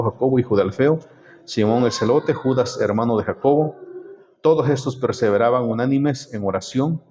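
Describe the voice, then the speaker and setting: A man's voice: medium pitch, darkish tone. A man preaching a sermon in a church, often turning to the congregation with rhetorical questions. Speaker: pastor.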